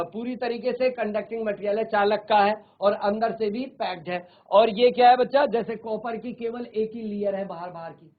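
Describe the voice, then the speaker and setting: A man teaching physics in a virtual classroom lecture, repeating phrases slowly and often addressing the students as children, mixing English terms into his explanations. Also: high voice. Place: studio classroom. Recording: tinny phone-like sound.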